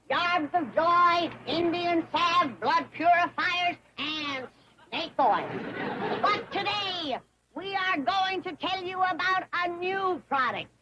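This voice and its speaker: Scrappy old hillbilly granny, high, slow-talking, wheedling, barker patter. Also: female voice. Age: older. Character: feisty old hillbilly granny, self-styled doctor. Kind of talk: 1960s sitcom acting. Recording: dull lo-fi TV audio with noise.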